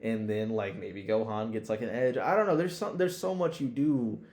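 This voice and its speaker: Here a podcast co-host talks anime in a relaxed way, leaning on slang and swearing heavily; his voice is lowish and darkish in tone, moving at normal speed. Echo and a roomy quality mark the recording.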